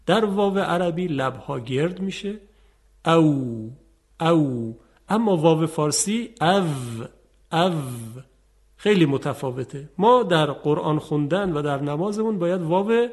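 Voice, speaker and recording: A man teaching a tajweed lesson, calmly explaining and demonstrating letter sounds. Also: fairly high pitch. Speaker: Quran recitation teacher.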